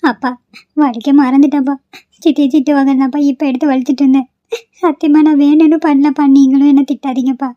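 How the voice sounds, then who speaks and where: Woman doing a timid cartoon stepdaughter, anxious, pleading, high pitch, muffled lo-fi audio. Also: little pitch movement, fast talker, warm tone, lightly acted. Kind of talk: Tamil cartoon voice acting. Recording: dull lo-fi dry recording.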